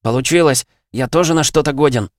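A man's voice: mid-range voice, fairly even intonation, brisk, no echo, clean studio sound, voice pushed up, close to an everyday voice. A man reading an audiobook, voicing an eager young man proudly showing his new skill.

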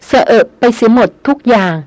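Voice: medium pitch, a little fast, dry recording, natural voice. A rugged male jungle hunter, stoic and self-mocking, who replies in short, coolly polite phrases, voiced by an audiobook reader. His voice sits in a middle register. The sound is dry and close to the mic. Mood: wry. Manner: calm, curt, wry politeness. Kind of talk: audiobook character reading.

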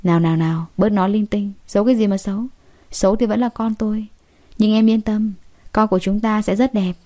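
A woman's voice: mid-range voice, fairly even intonation, brisk, lightly acted. A woman reading the lines of a stern, determined young husband from a wealthy family in an audiobook. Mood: reassuring. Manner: firm, quietly determined.

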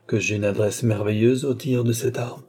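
A man's voice: on the low side, steady tone, moderate pace, warm tone, husky. A man voicing a treacherous army captain who speaks coldly and mockingly, taunting his victim. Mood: cool menacing. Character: treacherous scheming Italian army captain, gloating.

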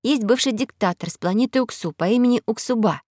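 Earnest young girl in a storybook, woman voicing, raised and bright, polite, dry close sound. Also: a little high, quick pace, no echo, pitched above the performer's own voice, lightly acted. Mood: earnest pleading.

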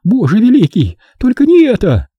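A male reader voicing a husky, guilt-ridden woman who confesses in a tense, hushed way. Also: fairly high pitch, sing-song, normal speed, no room sound, highs cut off, voice pushed up. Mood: despairing.

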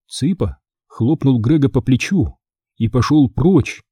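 A man reads a children's horror story with an expressive, lively delivery that swoops up and down. His voice is very dark and mellow, with a husky grain, and the room is dry and close. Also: medium pitch, takes it slowly, no echo. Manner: expressive, does all the voices. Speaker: audiobook narrator. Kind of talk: scripted horror story narration.

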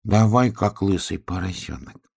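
A man voicing a small young piglet, gentle and wistful, in a storybook reading. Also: sits low, measured pace, gravelly, husky, heavily acted.

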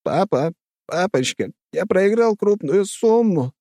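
A man's voice: high-pitched, lively intonation, normal speed, warm tone, no echo, studio quality, pitched above the performer's own voice. A man voicing a frightened, tearful young man pleading with his father. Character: whiny, sniffling young man in debt.

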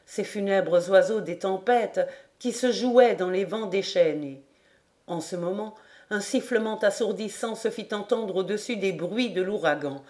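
A woman narrating an audiobook of a classic novel with a steady, expressive reading. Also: mid-range voice.

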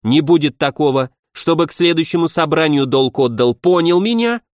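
A man's voice: fairly high pitch, normal speed, no room sound, clean studio sound, voice pushed up, natural voice. A man narrating a story and voicing a stern young princess who holds court, speaking in a curt, commanding way.

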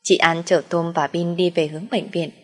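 A woman's voice: lowish voice, level tone, normal speed. A woman narrating a dramatic audio story.

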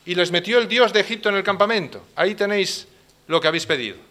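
A male pastor with a Spain Spanish accent preaches with theatrical force, dropping to near hush and then rising to loud, pressing outbursts. His voice sits a little high and rings bright and forceful. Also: expressive, quick pace. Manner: dramatic, swings between hushed and loud. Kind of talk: sermon.

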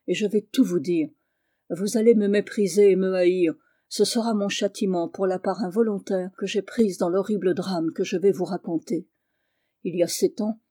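A reader voicing a timid, gentle young man who speaks earnestly and gravely, in an audiobook reading. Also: mid-range voice, dry recording, clean studio sound, close to an everyday voice.

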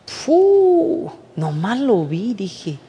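A man with a Mexican accent preaching a sermon, moving from soft, hushed storytelling to emphatic preaching. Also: very high-pitched, wildly swooping pitch, very slow, husky. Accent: Mexican Spanish. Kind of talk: sermon with personal testimony. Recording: long hall reverb.

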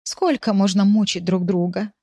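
A woman's voice: mid-range voice, fairly even intonation, normal speed, darkish tone, dry recording, clean studio sound, close to an everyday voice. A woman voicing a worn-down wife who pleads bitterly with her husband in an audiobook. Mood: pleading.

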